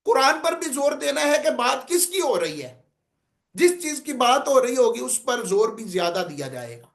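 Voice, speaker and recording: An oratory teacher with a Punjabi-inflected Urdu accent teaches a public speaking class in a very high, sing-song voice with vocal fry. He explains plainly, then declaims example lines to demonstrate intonation.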